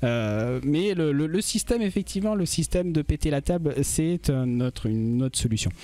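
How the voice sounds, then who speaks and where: A man's voice: on the high side, expressive, moderate pace, dark tone. A man co-hosting a casual livestream, talking in a chatty way, explaining things step by step and quizzing his co-host and the chat. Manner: frequent fillers and restarts. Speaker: stream co-host.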